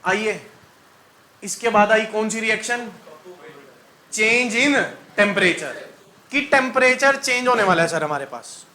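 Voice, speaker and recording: A male chemistry teacher runs a lively classroom lesson. His voice sits high and sounds bright. He quizzes students in call-and-response style and throws in jokes and sung mnemonics. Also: slow pace, long pauses.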